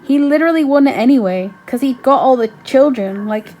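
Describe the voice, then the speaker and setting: A woman reacting to a show in casual commentary, excitable and full of slang and swearing. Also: high-pitched, fairly quick, faint music behind. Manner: excitable, exclaiming, slangy and profane. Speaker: reaction video host.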